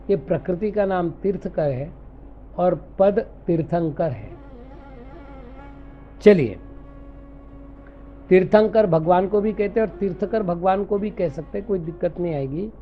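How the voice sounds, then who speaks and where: A monk teaching scripture speaks in a high voice at an unhurried pace. He recites verse lines slowly and deliberately, then explains them patiently. The recording is muffled and lo-fi, with faint music in the background. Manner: patient, explanatory, corrects common misreadings. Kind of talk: scripture lecture in Hindi.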